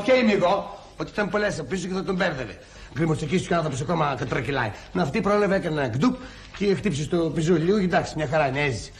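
A grumbling, sarcastic village husband with a high-set voice, played by a man, bursting into angry rants and shouted insults. Sitcom acting with a light hiss of background noise behind him. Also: lightly acted. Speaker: sitcom character.

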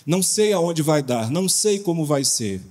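A man's voice: on the high side, moderate pace. Brazilian man, pastor telling a story. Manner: lively, informal storytelling with slang. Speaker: pastor, panelist. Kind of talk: storytelling talk on a conference panel. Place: conference hall. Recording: long hall reverb.

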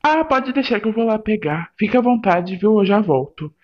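In an amateur voice drama, a man plays a flustered, hot-headed young guy who curses loudly, then quickly turns polite. His voice is high with lively intonation, and the audio is slightly muffled and lo-fi.

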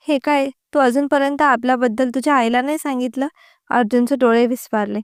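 A woman narrates a scripted story in a steady, even reading voice. Her tone is high and smooth, with a crisp resonance. The recording is dry, close to the mic. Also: no room sound.

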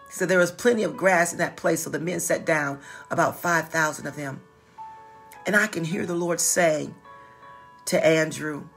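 A middle-aged woman pastor delivers an informal livestreamed sermon from a small wood-paneled office. Her deep voice carries vocal fry and a fairly bright tone, and she repeats phrases for emphasis with a slight stutter.

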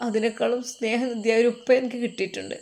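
A woman voicing a heartbroken young man who speaks in a hushed, halting, sorrowful way. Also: on the high side, steady tone, gravelly.

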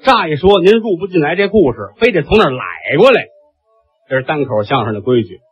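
A husky man chats through his opening, with a lively voice that rises and falls and his own questions tossed out to the crowd. Faint music sits under a dull, lo-fi recording. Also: a little high, quick pace. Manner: chatty and explanatory, with rhetorical questions. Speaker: comic storyteller. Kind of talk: solo comic monologue.

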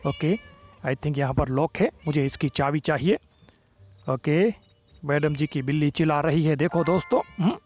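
Excitable young man narrating gameplay. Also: a little high, moderate pace, dry recording, faint music behind. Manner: excited, teasing, playful taunts. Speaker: gaming channel host. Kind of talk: gameplay commentary.

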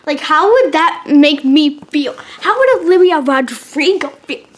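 A woman's voice: sits high, expressive, unhurried, poor audio. A young woman, chatting casually and self-consciously, giggling and breaking into bits of song. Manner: giggly, self-conscious, sings snippets mockingly. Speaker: vlogger reacting to her old singing cover. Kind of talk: casual reaction vlog.

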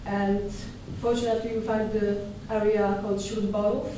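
Young woman, curator, conference talk, flat delivery, hesitant restarts, roomy hall reverb, audible background hiss. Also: medium pitch. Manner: measured, thoughtful, with hesitations and restarts. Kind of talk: conference presentation. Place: dark lecture hall at a podium. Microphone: podium microphone. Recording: echoey hall from far off.

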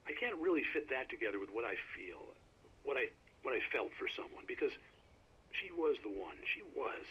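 A man's voice: medium pitch, slightly rough. An actor playing a chatty, folksy male radio host in a game, talking to his listeners. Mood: wistful. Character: male late-night small-town radio host. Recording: slightly dull game radio audio.

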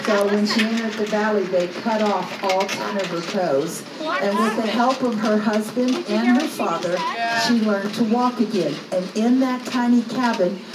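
A woman with a medium-pitched voice speaks at normal speed as a tour guide on an open-air tram ride, narrating in an upbeat, jokey way and quizzing the riders. It was recorded on a rider's phone with the guide some distance away, so her voice sounds distant and echoey over loud outdoor noise.

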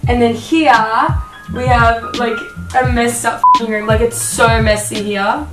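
A bubbly woman chats and giggles through a casual vlog, her voice sitting a touch high and peppered with "like". She is recorded from a distance in an echoey hotel room. Music plays clearly underneath her. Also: fairly even intonation, slow pace. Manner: bubbly, giggly, filler-heavy with "like". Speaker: vlogger host. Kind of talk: casual chat.

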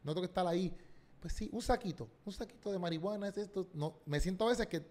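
Puerto rican comedian guy rattling off stories quick, acting out quotes, kinda high voice. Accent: Puerto Rican Spanish. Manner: animated, slangy storytelling, acts out quotes. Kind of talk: casual podcast chat.

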